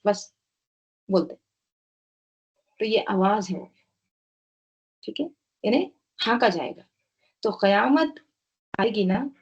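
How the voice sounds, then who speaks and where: A woman teaching a Quran tafsir lesson, reciting Arabic verses slowly and explaining word roots step by step, often asking her own questions and adding "right?". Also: a little high, gravelly, a little mellow, dull audio.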